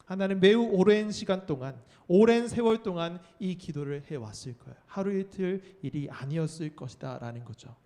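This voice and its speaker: A man's voice: high-pitched, lively intonation, normal speed, hardly any pauses, dark tone. A man preaching a youth sermon, retelling a story with earnest storytelling and acted-out quotes. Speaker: youth pastor.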